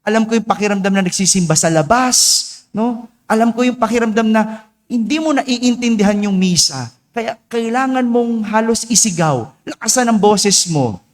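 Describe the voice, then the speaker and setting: A Filipino priest giving a conversational sermon, with a slightly hoarse voice after vocal cord surgery, often checking in with his listeners. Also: sits high, lively intonation, normal speed. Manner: conversational, keeps asking "no?" and "di ba?". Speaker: parish priest. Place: large church. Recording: long reverb of a church hall.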